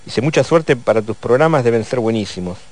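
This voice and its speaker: A man with an Argentine accent hosting a casual radio chat, reading listener messages in a relaxed way with small laughs. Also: mid-range voice, a little fast. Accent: Argentine Spanish. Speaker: radio host.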